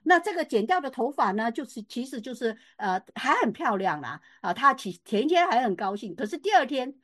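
Older woman testifying at church, fairly high voice, dry close sound, lively delivery. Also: a little fast, no echo. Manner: animated, emphatic, many fillers and restarts. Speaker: church member giving testimony. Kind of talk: personal faith testimony.

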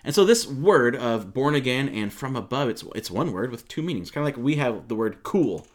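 A man's voice: mid-range voice, very animated, normal speed. A male pastor preaching a sermon in a conversational, storytelling way, using everyday slang examples. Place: church.

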